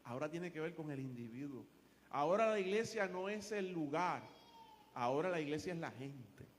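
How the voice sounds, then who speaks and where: A man's voice: on the high side, animated, moderate pace. A man with a Puerto Rican accent preaching a sermon as pastor, emphatic and building his points through repetition. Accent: Puerto Rican Spanish. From Puerto Rico. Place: church sanctuary. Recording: long church hall reverb.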